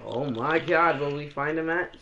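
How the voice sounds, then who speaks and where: This man's voice runs a little high, pushed and bright, at a moderate pace. He's a gamer hanging out in a party before a match, boasting and ribbing his friends playfully. The game chat audio sounds muffled and lo-fi.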